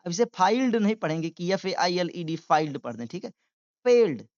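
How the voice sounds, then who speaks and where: A man's voice: high-pitched, big pitch swings, a little fast, a little mellow, dry recording, lo-fi sound. A man teaching beginners to read, spelling each word letter by letter and translating it with patient, repetitive drilling. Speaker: English reading teacher. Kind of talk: beginner reading lesson.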